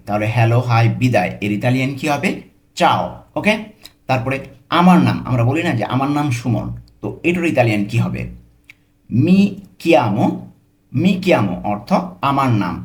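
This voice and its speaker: A young man teaching a beginner language lesson, patient and repetitive, slowing down to spell out each new word. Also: medium pitch.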